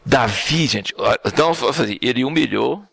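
With a creaky, medium-pitched voice at normal speed and no room sound, a man preaches informally, telling the story in a lively, conversational manner. He often checks in with "right?" and "understand?", frequently saying "né?" and "entendeu?".

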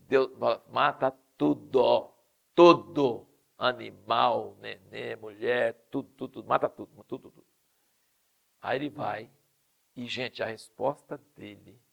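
A man preaching a sermon, animated, throwing out rhetorical questions. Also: mid-range voice, gravelly.

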